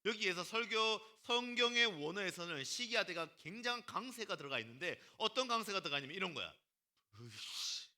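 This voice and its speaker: A male pastor preaching a lively sermon to a youth group, teasing the students, calling on them by name and acting out what people say. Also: sits high. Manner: animated, teasing, acts out quotes and calls on students by name.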